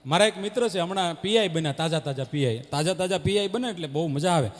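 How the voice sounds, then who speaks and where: A high-pitched man works a crowd from the stage, telling jokes. He slips in and out of the people in his stories and barks like a dog. His voice runs through a stage PA with a long reverb trailing behind it. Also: lively intonation, fast talker. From Gujarat, India. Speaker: stage comedian at a devotional folk gathering. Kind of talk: live stand-up joke telling. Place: live stage before a crowd.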